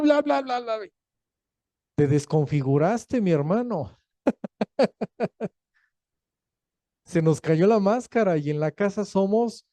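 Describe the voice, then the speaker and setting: Dark-voiced pastor preaching. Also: male voice, a little high, dry recording. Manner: lively storytelling, acting out quoted voices; jokey, laughs between points. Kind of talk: sermon.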